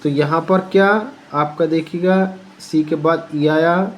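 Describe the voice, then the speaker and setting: A man's voice: on the high side, fairly even intonation, unhurried. A male teacher giving a spoken pronunciation lesson, spelling words out letter by letter and asking the viewer to repeat each answer.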